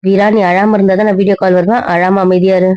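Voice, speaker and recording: Bossy teasing woman with a mellow voice. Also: medium pitch, flat delivery, fast, dry recording, muffled recording. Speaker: wife in a comedy audio drama. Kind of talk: casual role-play banter.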